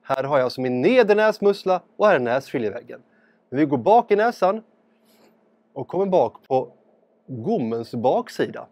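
A man calmly explaining, step by step, while talking with a scope tube passed through his nose into his throat, in a clinic room. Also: medium pitch, dry recording. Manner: calm, step-by-step explaining to viewers. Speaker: presenter demonstrating a laryngoscope. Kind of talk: explanatory demonstration.

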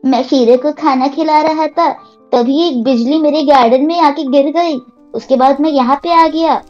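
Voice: high-pitched, normal speed, a little mellow, lo-fi sound, faint music behind, lightly acted. A performer voicing a cheeky five-year-old boy in a game role-play, blunt and demanding as he looks for his lost dog. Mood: worried.

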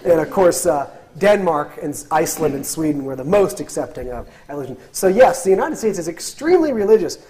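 Wearing a lapel mic, a man in his thirties guest-lectures in a whiteboard classroom and takes audience questions. His voice is a little high and darkish, with big pitch swings, a fairly quick pace and hardly any pauses, and he's animated, often restarting and using fillers.

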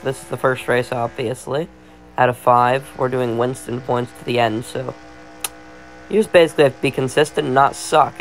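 A man's voice: medium pitch, slight background noise, rough recording. A young man with a sick voice giving a casual, joking solo commentary on a sim race, often saying "obviously".

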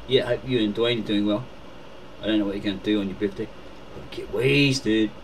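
A man's voice: on the low side, fairly even intonation, fairly quick, a little hiss or hum, low-quality recording. A man rambling casually in a birthday video, full of fillers, recorded indoors at home. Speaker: uncle making a birthday video.

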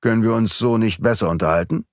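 A man's voice: lowish voice, fast talker, a little mellow, no room sound, studio quality, natural voice. A man voicing a mocking, menacing male court clerk with a revolver, who talks in clipped, pressing bursts, for an audiobook.

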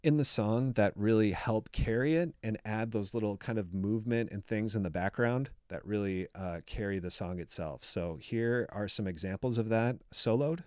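A man's voice: fairly low pitch, moderate pace, hardly any pauses, a little mellow, smooth, no room sound. A man who produces music, walking through his production in a casual, enthusiastic way, full of filler words, talking into a studio microphone. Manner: chatty and enthusiastic, many "like" fillers.

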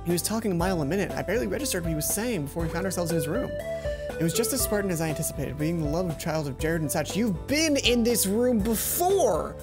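This young man's high, expressive voice moves fast as he reads a visual novel aloud on stream through a headset mic. He's a let's play streamer, playful and quick to mock himself, often stumbling over words. Game music sits in the background.

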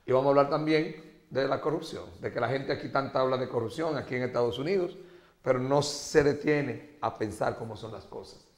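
A man's voice: medium pitch, a little fast, echoey room. A man with a Dominican accent hosting a political talk show, speaking emphatically and in a preachy, teasing way. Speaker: host.

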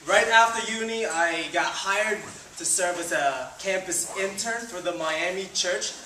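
This Filipino man in his twenties, a student ministry leader, speaks unhurriedly in a high, sharp voice with slight background noise. He delivers a casual, upbeat sermon talk with lots of fillers from a church hall stage, recorded by a far camera with no mic visible, so the sound is roomy and distant.

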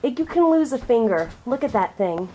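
A young woman chatting excitedly and full of exclamations on a casual home video. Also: on the high side, moderate pace. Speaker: horror show host. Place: small room indoors at night. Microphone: camera mic. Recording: noisy home camcorder recording.

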